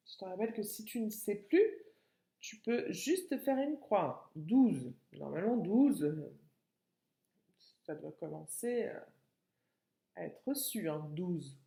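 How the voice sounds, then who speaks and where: A woman with a French accent teaches a young child slowly and patiently. She breaks each word into its syllables, and her pitch rises and falls with a lot of movement. The whole thing is a recorded lesson for a child working at home. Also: creaky, mellow. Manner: slow, patient, spells words out syllable by syllable. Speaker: kindergarten teacher.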